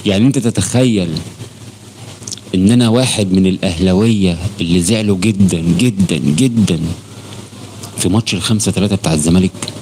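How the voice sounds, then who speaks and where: A man with an Egyptian Arabic accent hosts a casual football live stream. His voice sits very low and the words tumble out fast, warm and familiar as he greets viewers by name and swears oaths. Faint noise hums behind him. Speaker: football channel host.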